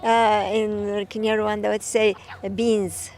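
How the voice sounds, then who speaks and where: A woman in her seventies, born in Iran and raised in Italy, answering questions in a casual street interview, halting and searching for words, laughing often. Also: medium pitch, little pitch movement, a little mellow. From born in Iran, grew up in Italy. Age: 70s. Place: outdoors in a town.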